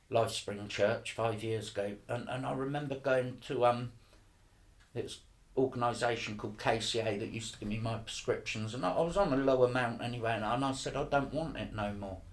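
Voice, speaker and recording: A middle-aged man tells his faith story in a casual, earnest way. He stumbles and repeats words as he goes. His voice sits at an ordinary pitch. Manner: earnest, halting, repeats words, occasional laughs. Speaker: testimony speaker. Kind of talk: personal faith testimony.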